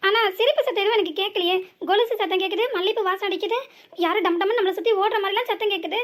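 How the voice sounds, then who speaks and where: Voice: extremely high pitch, racing, fairly bright tone. A voice actor playing a boastful young husband in a comic cartoon who is secretly afraid of ghosts and stammers when nervous.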